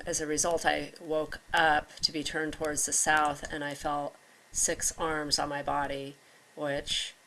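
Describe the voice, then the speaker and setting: A congested woman with a raspy voice recounts her experiences in a hesitant monologue full of pauses and fillers. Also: low-pitched, fairly bright tone, a little hiss or hum. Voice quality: raspier than usual. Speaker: vlogger recounting personal experiences. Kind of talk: halting personal monologue.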